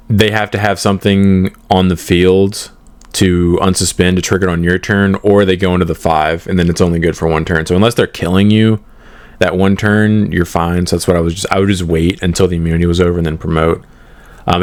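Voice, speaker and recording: A deep-voiced man hosting a gaming podcast, talking through his matches in an easygoing, unhurried way. He pauses often with "um" and "uh" as he explains game rules. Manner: laid-back, hesitant, frequent "um" and "uh". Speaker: podcast host. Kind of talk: casual chat recapping card tournaments.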